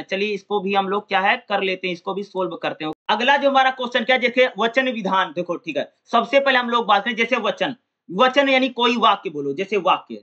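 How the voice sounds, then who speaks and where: Man, exam-prep teacher, high voice, asks and answers himself, repeats terms, dull lo-fi audio. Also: sharp tone. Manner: asks and answers his own questions; repeats key terms, drawn-out syllables.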